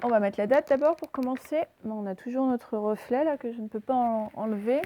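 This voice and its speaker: A woman's voice: fairly high pitch, fairly quick, dark tone, slight background noise. A woman primary school teacher giving a remote lesson to young children, patiently spelling out letters and explaining each step as she writes. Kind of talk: remote class lesson, dictating and writing.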